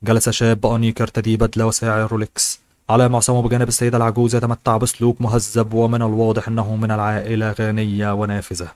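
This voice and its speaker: A man reading a translated novel aloud as an audiobook narrator. He reads fast and sometimes stumbles and corrects himself. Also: lowish voice, monotone, darkish tone.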